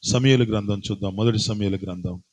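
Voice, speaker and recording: A man preaching a sermon as a pastor, repeating phrases slowly for emphasis and breaking into sudden high, forceful bursts while calling on the congregation to answer. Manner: slow, emphatic repetition of phrases.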